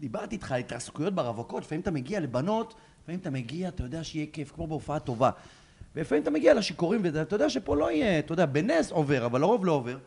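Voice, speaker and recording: A man, a stand-up comedian, telling a story on a talk show and acting out the shouting voices in it. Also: a little high, sing-song, vocal fry, slightly rough. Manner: acts out screaming voices in his story. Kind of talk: animated storytelling.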